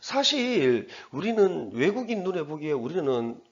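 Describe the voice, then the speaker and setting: A middle-aged man teaching English, explaining slowly and patiently with many fillers and spelling words out letter by letter. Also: on the high side, very animated. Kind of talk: lecture on English grammar and vocabulary. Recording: dull lo-fi recording.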